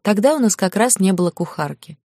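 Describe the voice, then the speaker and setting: A woman's voice: medium pitch, expressive, fairly quick, darkish tone, no echo, clean studio sound. A woman narrating a fantasy novel as an audiobook, lightly voicing the girls' dialogue. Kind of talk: scripted narration.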